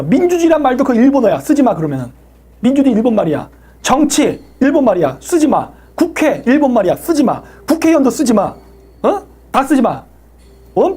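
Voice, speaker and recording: A woman hosts a live commentary stream, mocking and combative, firing off one rhetorical question after another. Her voice sits a little high and swings widely in pitch, with a mellow, slightly husky tone. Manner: combative, sarcastic, full of rhetorical questions and coarse insults. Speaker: livestream host thanking viewers for donations. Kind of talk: opinionated political commentary stream.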